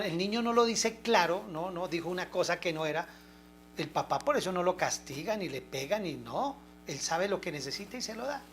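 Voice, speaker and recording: A woman's voice: fairly low pitch, slight background noise. An older woman preaching an informal, homely sermon, often checking that listeners understand.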